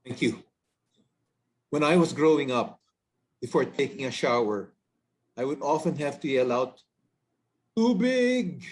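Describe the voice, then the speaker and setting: A man with a Filipino accent, a foundation president giving a measured, earnest prepared speech. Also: medium pitch, a little hiss or hum. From Philippines.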